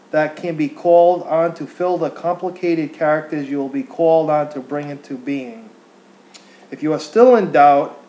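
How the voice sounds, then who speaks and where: A man reading a prepared text aloud as a diction exercise, enunciating deliberately and carefully, with occasional stumbles. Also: a little high, darkish tone. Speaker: acting student reading aloud. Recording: echoey untreated room.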